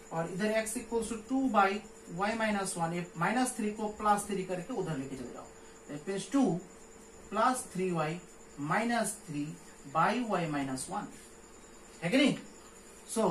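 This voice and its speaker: A man gives a recorded maths lesson in an echoey room, with faint ambient noise behind him. He walks through each step and keeps checking understanding with rhetorical questions. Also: high-pitched. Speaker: maths teacher. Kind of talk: recorded classroom lecture.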